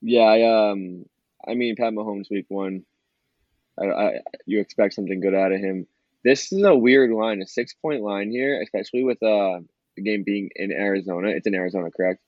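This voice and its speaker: A man's voice: on the low side, dry recording. Hesitant man on a dull remote line. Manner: hesitant, halting with restarts. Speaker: podcast co-host. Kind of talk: casual sports betting chat.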